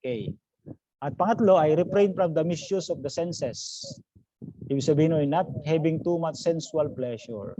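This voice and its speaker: Through dull, lo-fi video call audio with a little hiss or hum, a pastor teaches an online class, weaving in English phrases, calling listeners brothers and sisters, and putting questions to them. His voice is a little high and warm, at normal speed.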